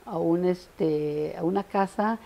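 Slow and somewhat low, with a creaky edge, this older woman from Mexico carries a Mexican accent gently shaped by Costa Rican usage. As an interview guest in a living-room-style studio set indoors, she reminisces conversationally, bringing stories to life with acted-out exchanges and frequent restarts.

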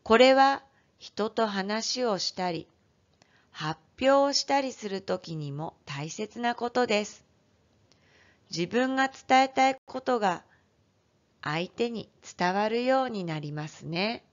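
A woman teacher giving an online lesson to first graders, speaking gently and clearly to young children. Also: mid-range voice, animated, slow pace, lo-fi sound. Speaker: elementary school teacher.

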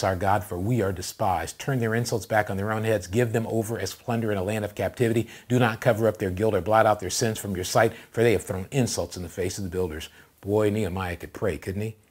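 A male pastor preaching a sermon, telling a story with animated, emphatic delivery that builds to loud passages. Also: fairly low pitch, husky. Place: church livestream.

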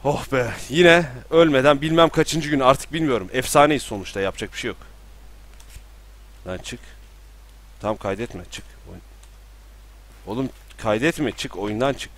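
A young man streams a game from a room at home, his voice sitting at an ordinary middle pitch. He chats to himself in a loose, joking way and breaks into loud, panicked yelling when something startles him. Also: moderate pace, pauses often. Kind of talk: live gameplay commentary. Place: room at home with balcony door open.

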